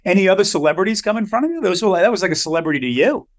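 A man's voice: high voice, expressive, very fast. A man hosting a podcast, asking short prompting questions in a casual interview. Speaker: podcast host.

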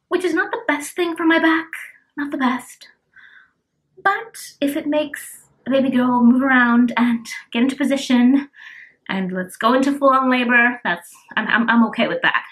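Breathless, heavily pregnant young woman, higher-pitched voice. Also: fairly bright tone, rough recording. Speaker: vlogger. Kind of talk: casual chat to camera, pregnancy update. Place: small furnished room indoors. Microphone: camera at about arm's length.

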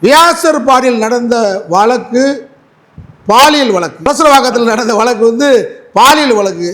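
Combative high-voiced man in interview. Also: expressive, unhurried, fairly bright tone. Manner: combative, repetitive, mocking. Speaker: interview guest, advocate. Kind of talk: heated political interview.

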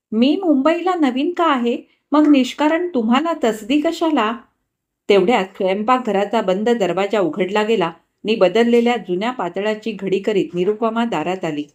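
A woman narrating a novel in a calm, measured storytelling manner. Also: medium pitch. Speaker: audiobook narrator.

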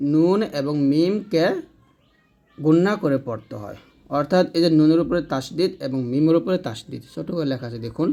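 A man's voice: fairly high pitch, a little mellow. A man teaching Quran reading step by step, patiently repeating and demonstrating letter sounds. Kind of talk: step-by-step lesson.

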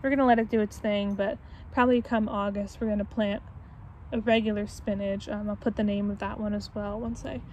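Speaking briskly in a medium-pitched, darkish voice with little rise or fall, this vlogger walks viewers through her backyard garden off the cuff. She's an American in her twenties filming handheld at arm's length, with a faint hiss or hum in the audio.

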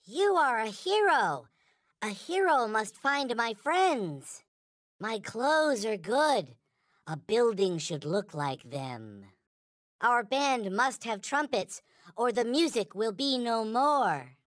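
A man's voice: extremely high pitch, big pitch swings, takes it slowly, fairly bright tone, no echo, studio quality, exaggerated voice. A man voicing a small, polite, earnest toy alien from a video game, speaking in formal, stilted, backwards-ordered phrases. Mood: grateful, delighted. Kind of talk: video game character lines.

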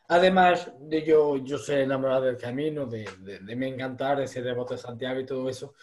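A man's voice: medium pitch, a little mellow. Eager young man, Portuguese accent. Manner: enthusiastic, restarts often. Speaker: host. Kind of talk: interviewer on video call. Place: small room at home. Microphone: webcam on video call.

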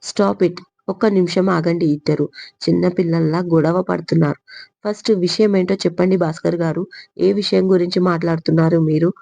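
A woman voicing a brisk, irritable young male boss who talks in a curt way. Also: on the low side, fairly even intonation, gravelly, dark tone, dry recording. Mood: irritated.

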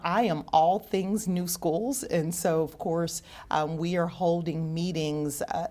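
A middle-aged woman, a school district official, answering interview questions in a measured way with some fillers, recorded in a school TV studio. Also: low voice, a little mellow. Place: school TV studio with bookshelf set.

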